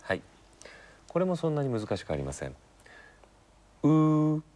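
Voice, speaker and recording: A man taking part in a language lesson, polite and lively, repeating sounds clearly. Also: lowish voice, a little fast. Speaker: studio learner. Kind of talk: casual lesson talk.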